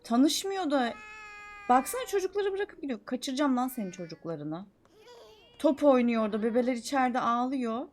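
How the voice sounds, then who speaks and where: A young woman streaming a life-sim game, chattering excitedly, scolding the characters and swinging from mutters to shouts. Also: high voice, moderate pace, a little hiss or hum. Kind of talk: live gameplay commentary.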